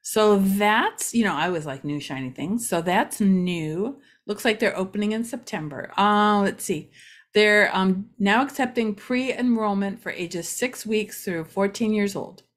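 Midwestern woman host, middle-aged, rambling and chatty, mid-pitched voice, local news vlog. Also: a little slow. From Ohio, USA. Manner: chatty, rambling, joking asides.

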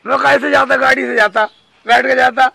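A man's voice: very high-pitched, steady tone, moderate pace, creaky, bright, forceful tone, breathy edge, no echo, heavily acted. An actor playing Shekhchilli, a foolish bumbling village man who pleads and wails in a whiny, theatrical way, in a comic sketch. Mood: wheedling.

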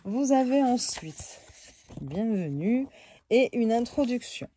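A woman's voice: a little high, big pitch swings, takes it slowly, background noise. A woman with a head cold, talking nasally and hesitantly through a casual tarot deck review. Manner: hesitant, many fillers, chatty.

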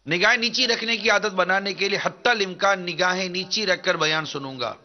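Earnest preacher man, dull lo-fi sound. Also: high voice. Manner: earnest, measured declaiming. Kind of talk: devotional sermon. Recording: dull lo-fi recording.

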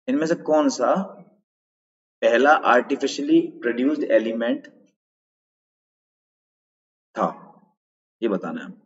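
A man's voice: medium pitch, slightly rough. A man teaching a live online quiz lesson, explaining answers step by step and checking in with his viewers. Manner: greets viewers in chat and asks for answers. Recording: dull, lo-fi sound with long reverb.

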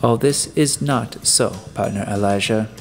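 A man voicing a calm humanoid male robot who serves as a detective's partner, speaking politely and formally. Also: fairly low pitch, measured pace, faint music behind. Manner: polite, formal, even-tempered.

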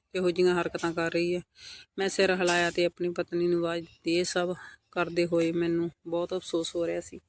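A man narrating a first-person family story in an earnest, steady way, reading every character's lines himself. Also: sits high, no room sound. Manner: steady, earnest retelling of family drama, voicing all quotes.

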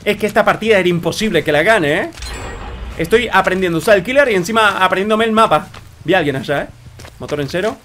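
A young man with an Argentine accent commenting on his own gameplay, excitable and quick to shout or laugh. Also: high-pitched. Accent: Argentine Spanish. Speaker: streamer.

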